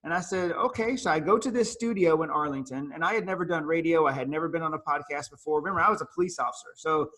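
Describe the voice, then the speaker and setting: A man giving a talk at a business luncheon, telling his story in a lively, animated way and acting out the lines he quotes. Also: fairly high pitch, quick pace, few pauses. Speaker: featured speaker.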